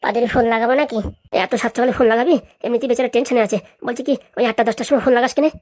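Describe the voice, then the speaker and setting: A woman voicing a gruff, impatient village man in a cartoon who gives orders as he talks. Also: on the high side, steady tone, very fast, a little mellow, pitched below the performer's own voice, lightly acted. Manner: gruff, commanding. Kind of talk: cartoon voice acting.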